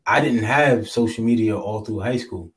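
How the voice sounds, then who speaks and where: Young man from Jersey City, somewhat low voice, a bit off-mic, casual, reflective guest. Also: normal speed, recorded from a distance. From Jersey City, USA. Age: 20s. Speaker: podcast guest. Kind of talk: casual, reflective interview answers.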